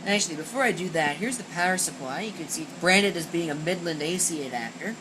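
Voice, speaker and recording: A low-voiced woman reviewing gadgets talks fast through an unscripted unboxing, reading the packaging aloud in a rambling, matter-of-fact way and correcting herself as she goes. The amateur audio comes from a built-in camera mic, with a steady hum in the background.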